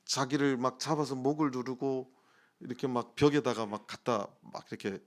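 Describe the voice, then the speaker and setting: A middle-aged man preaching a sermon in a church, telling a personal story in a lively way and acting out the voices in it. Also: mid-range voice, moderate pace. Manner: animated storytelling, acts out quoted voices. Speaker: pastor. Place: church sanctuary.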